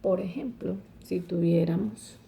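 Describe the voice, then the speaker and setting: A woman's voice: lowish voice, measured pace, gravelly, dark tone, a little hiss or hum. A woman teaching a chemistry lesson, explaining step by step and often checking with "¿cierto?". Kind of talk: recorded online lesson.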